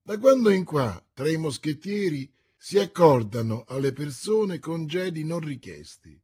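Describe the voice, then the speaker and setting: A man voicing a loud, blustering male musketeer who exclaims indignantly. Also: on the high side, expressive, a little slow, breathy edge.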